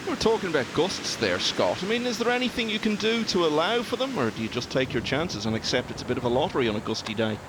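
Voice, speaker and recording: A man's voice: on the high side, very animated, fast, few pauses, background noise. A man giving golf commentary as the lead voice, informative, setting out scores and player records.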